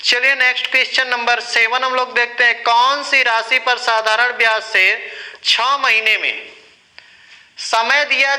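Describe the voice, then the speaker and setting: A man's voice: very high voice, bright, forceful tone, roomy sound, low-quality recording. A man teaching a maths lesson, patient and asking and answering his own questions as he talks students through sums. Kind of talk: classroom lesson explaining sums.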